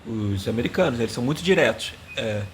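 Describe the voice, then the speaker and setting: A man's voice: mid-range voice, animated, quick pace, a little hiss or hum. A man hosting a casual comedic language video. He rambles, mocks himself, and keeps stumbling over words he can't remember. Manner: rambling, self-mocking, stumbles and searches for words.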